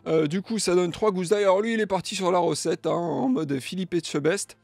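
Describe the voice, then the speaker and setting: His voice sits high with vocal fry and a slightly fast pace, captured dry, as this young man runs a music gear news show. He's lively and jokey, chatting casually and playfully singing out viewer comments.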